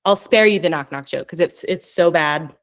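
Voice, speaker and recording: A woman's voice: low voice, moderate pace. A young woman poet reading her own poems at a virtual launch, joking between earnest readings. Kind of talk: virtual poetry reading with banter.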